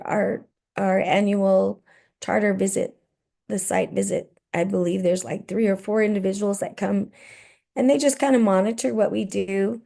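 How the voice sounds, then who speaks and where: A woman delivers a school administrator's report to a governing board in a gravelly, dark-toned voice. She is losing her voice and talks informally, with fillers and restarts along the way. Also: mid-range voice. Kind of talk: meeting report.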